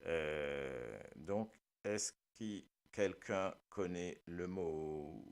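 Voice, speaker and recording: A man's voice: low voice, drawn-out words. A man with a Mauritian Creole accent, hosting a casual live radio chat, playful and chatty, laughing often and jumping between topics. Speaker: radio show host.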